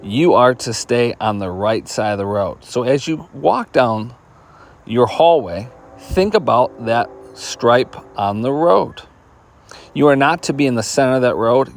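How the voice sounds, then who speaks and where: Male principal type, mid-pitched voice, firm and directive, speaking plainly to students in an instructional school video.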